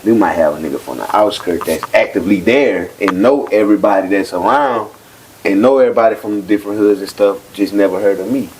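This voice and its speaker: Fast-talking with a fairly low, darkish voice, a guest rapper in his thirties from New Orleans chats candidly and loosely in a casual interview. His manner is laid-back and rambling, peppered with repeated "like"s, and the rough recording has slight background noise.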